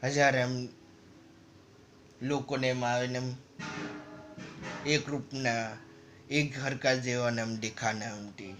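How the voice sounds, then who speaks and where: A man's voice: mid-range voice, little pitch movement, slow, long pauses, a bit bright, soft background music. A man casually narrating a story over a game, in loose, rambling and repetitive phrases. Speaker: gaming channel narrator.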